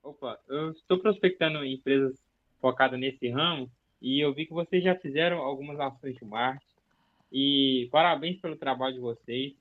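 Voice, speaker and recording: A man practicing a cold call, hesitant and stumbling over his pitch. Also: normal speed. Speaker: mentee practicing a sales call. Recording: tinny phone-like sound.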